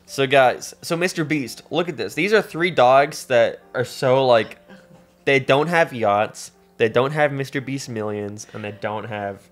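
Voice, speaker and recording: A man's voice: medium pitch, unhurried, soft background music. A man co-hosting a podcast in casual chat, joking and rambling with lots of fillers, at home with dogs nearby. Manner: jokey, rambling, many fillers. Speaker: podcast co-host. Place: home studio with dogs present.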